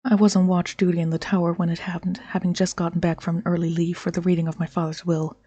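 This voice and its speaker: A woman's voice: on the low side, flat delivery, quick pace, dark tone, breathy edge, highs cut off. A woman reading written notes aloud as she narrates a game. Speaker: gameplay narrator.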